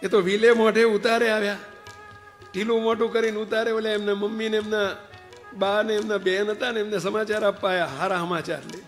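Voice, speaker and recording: A man's voice: high-pitched, level tone, fairly quick, faint music behind. A man giving a storytelling sermon, narrating anecdotes and speaking directly to his listeners. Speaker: spiritual preacher. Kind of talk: storytelling sermon explaining a devotional hymn. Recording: long hall reverb.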